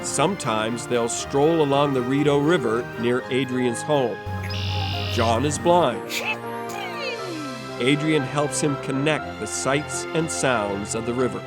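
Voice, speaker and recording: A man's voice: medium pitch, slow. Man narrating over background music. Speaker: host and narrator. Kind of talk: documentary narration and interviewing.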